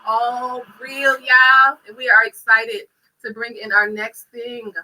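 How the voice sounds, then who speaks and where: A woman's voice: on the high side, flat delivery, takes it slowly, sharp tone, far from the mic, rough recording. A woman co-hosting a talk show, upbeat and teasing. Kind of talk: casual chat.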